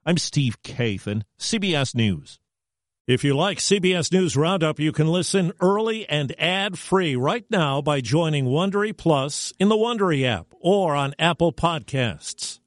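A man reads a news roundup as anchor. His voice sits a little high for a man, recorded close and very dry. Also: no echo. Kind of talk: scripted news roundup narration. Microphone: close studio microphone.

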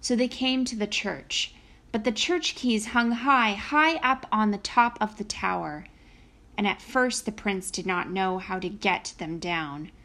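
Slow-paced woman reading a fairy tale. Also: medium pitch, pushed and bright. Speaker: storyteller. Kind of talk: expressive fairy-tale narration.

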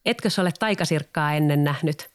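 A man's voice: a little high, clean tone, lightly acted. A man voicing a know-it-all magic cricket who teases and lectures. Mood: teasing. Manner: teasing, lecturing.

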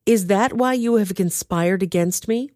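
A woman voicing a paranoid king who shouts accusations at his men. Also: medium pitch, unhurried, no room sound, clean studio sound, pitched above the performer's own voice, lightly acted. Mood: furious.

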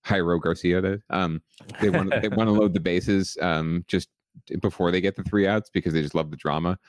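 A very deep-voiced man talking baseball in a relaxed podcast chat. He rambles with fillers and restarts and drops dry, wry jokes. The sound is dry and close, with no room echo. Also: a little fast. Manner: conversational, many fillers and restarts, wry humor. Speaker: podcast co-host. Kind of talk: casual sports chat.

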